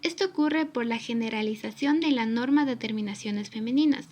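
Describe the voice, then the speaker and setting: A young woman with a high voice narrates a recorded class tutorial. She reads from a prepared script at an even, careful pace, laying out definitions and examples one after another. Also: moderate pace. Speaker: student presenter. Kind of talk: read-aloud tutorial narration.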